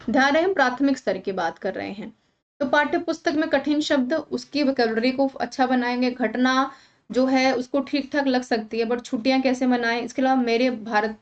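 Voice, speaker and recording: A woman's voice: a little high, highs cut off. A woman teacher talking exam candidates through practice questions, checking in with them often as she explains. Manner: talks viewers through questions, often saying "thik hai". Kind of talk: explanatory exam-prep lesson.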